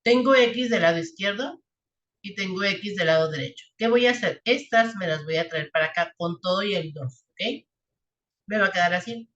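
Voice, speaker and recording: A woman's voice: medium pitch, normal speed, a bit bright, lo-fi sound. Echoey woman teacher explaining math. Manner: explains step by step, checks in with "¿ok?" and "¿sí?". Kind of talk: classroom math and physics lesson. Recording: echoey room.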